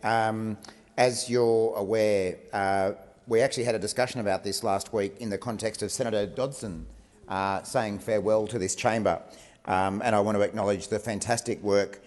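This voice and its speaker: An Australian man with a fairly deep voice answers formally as a government minister. He words things carefully, with some hesitation. The sound is reverberant, as in a large chamber. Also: fairly even intonation, moderate pace, a little mellow. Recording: echoey chamber with long reverb.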